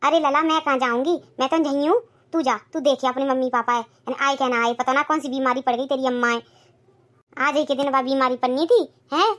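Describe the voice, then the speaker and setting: A woman puts on a doting old grandmother from a village for a cartoon. She fusses and scolds in a high, bright voice. Her pitch sits well above the usual. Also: steady tone, brisk. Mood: worried. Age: older. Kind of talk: cartoon dialogue.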